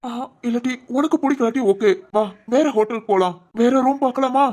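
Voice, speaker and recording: A gentle young husband from a cartoon family drama, voiced by a woman. He speaks softly and reassuringly, in a voice pitched somewhat high for a man. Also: fairly quick, close to an everyday voice. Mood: soothing. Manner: soothing, reassuring, tender. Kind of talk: animated cartoon voice acting.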